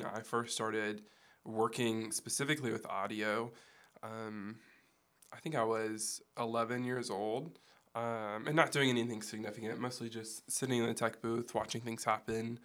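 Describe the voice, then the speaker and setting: A man with a gravelly, hoarse voice that sounds like it is giving out, chatting casually as an interview guest. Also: mid-range voice, steady tone, measured pace, fairly bright tone. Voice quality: gravelly, losing his voice. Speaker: podcast guest, church production staff. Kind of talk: casual interview, recounting his background.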